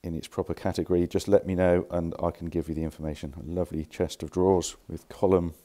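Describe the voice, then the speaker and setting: A man's voice: low voice, level tone, fast talker, warm tone. A man casually showing pieces of furniture in a warehouse, chatty and informal, sometimes correcting himself, filmed on a handheld phone. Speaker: furniture dealer. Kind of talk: casual walkthrough of stock. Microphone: handheld phone camera.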